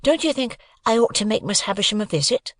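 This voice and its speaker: A man's voice: sits high, expressive, fast, dry recording, clean studio sound, voice pushed up. A man voicing an earnest young male apprentice with a pleading manner.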